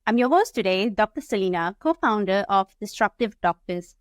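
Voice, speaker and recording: A Malaysian woman hosts a podcast interview, first reading a scripted intro and then moving into chatty questions sprinkled with fillers. Her medium-pitched voice is expressive and moves at a normal speed, captured in a dry, studio-quality recording.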